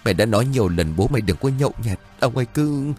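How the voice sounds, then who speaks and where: A man voicing a distraught elderly village widow who cries out in a high, shrill, wailing way. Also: animated, quick pace, darkish tone, faint music behind, close to an everyday voice.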